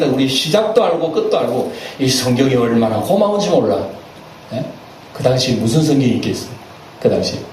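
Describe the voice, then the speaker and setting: A man, preaching a sermon as senior pastor. He talks in a lively way, asks the congregation questions and acts out little asides. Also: mid-range voice. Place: church sanctuary. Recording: echoey church hall, picked up from a distance, faint room noise.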